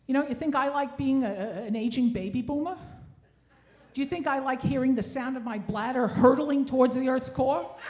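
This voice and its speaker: Yiddish-inflected older woman stand-up, higher-pitched. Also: moderate pace, a little mellow. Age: 60s. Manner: wry, self-deprecating complaining. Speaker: stand-up comedian. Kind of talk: stand-up comedy routine. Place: theatre stage, indoors. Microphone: handheld stage microphone. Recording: live stage ambience with clear noise.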